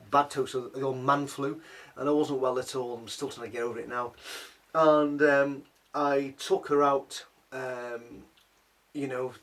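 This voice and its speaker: A man's voice: medium pitch, a bit bright, far from the mic. A middle-aged man telling a personal story in a rambling, exasperated way, often restarting his sentences.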